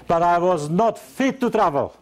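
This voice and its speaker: An older man from Yugoslavia delivers a sermon with an earnest, searching manner. His voice sits a little high for a man. He climbs even higher and presses harder when he quotes scripture. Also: moderate pace. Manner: earnest, searching for words with restarts and rising emphasis on scripture. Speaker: preacher.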